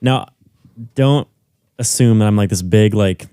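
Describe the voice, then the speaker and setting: A man's voice: lowish voice, unhurried, dark tone, smooth, no room sound. A young man on a podcast, laid-back and rambling, peppering his talk with "like". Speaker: podcast host. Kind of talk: casual chat.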